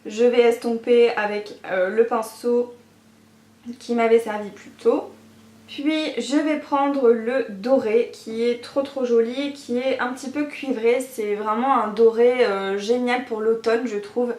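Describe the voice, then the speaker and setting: A woman's voice: a little high, fairly even intonation, a little slow, a little mellow. A woman talking through a makeup tutorial in a chatty way, with many fillers. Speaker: beauty YouTuber. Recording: echoey room.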